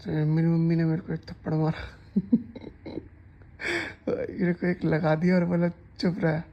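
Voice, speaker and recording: A man's voice: fairly high pitch, little pitch movement, a little slow, vocal fry, muffled recording. A man casually recounting a dream in a chatty, rambling way, full of restarts and asides. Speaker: storyteller. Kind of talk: casual storytime narration.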